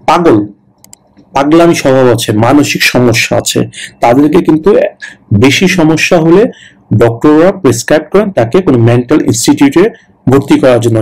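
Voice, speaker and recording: A man with a Bengali accent teaching citizenship interview questions, reading English phrases slowly and explaining them quickly. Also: medium pitch, darkish tone, poor audio. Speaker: citizenship test tutor. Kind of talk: bilingual language lesson.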